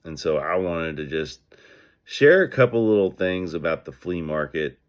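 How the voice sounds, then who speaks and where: A man speaking as a business owner, telling stories and giving advice in an energetic, conversational way. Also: low-pitched, normal speed, muffled recording. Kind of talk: casual motivational talk.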